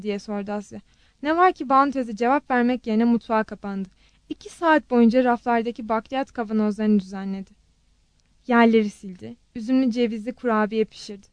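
A woman narrating a novel in a steady, measured audiobook style. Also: fairly high pitch, clear, resonant tone, dry recording.

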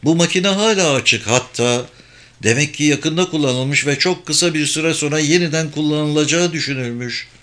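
A man's voice: on the high side, normal speed, fairly bright tone, pitched above the performer's own voice, close to an everyday voice. A man voicing a tough male agent who speaks in a blunt, commanding way in an audiobook. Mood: urgent.

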